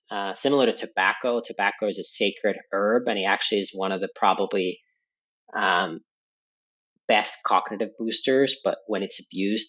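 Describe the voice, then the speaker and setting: A man's voice: lowish voice, fairly bright tone. A man from Finland, speaking as a podcast guest and explaining at length in a thoughtful way, with fillers and restarts. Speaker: podcast guest, company founder. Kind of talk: conversational interview explanation.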